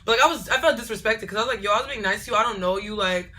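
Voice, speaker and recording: Bright-voiced animated young woman vlogger. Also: medium pitch, rapid-fire. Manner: animated, digressive, repeats herself. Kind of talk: casual storytime chat.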